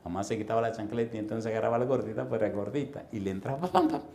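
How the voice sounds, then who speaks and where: A middle-aged man preaching a sermon in a church, telling comic stories with sudden loud bursts and sound effects and putting questions straight to the congregation. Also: lowish voice, fairly even intonation, rapid-fire, vocal fry, a little hiss or hum. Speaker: pastor. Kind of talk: sermon with comic personal anecdotes.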